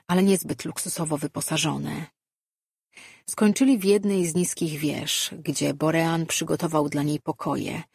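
A woman narrating a fantasy audiobook in an even, measured reading. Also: low-pitched, breathy edge, dry recording, studio quality.

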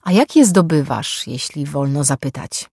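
A man's voice: a little high, expressive, moderate pace, vocal fry, darkish tone, breathy edge, no echo, studio quality, exaggerated voice. A woman voicing a blunt young man who asks probing questions. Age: young adult.

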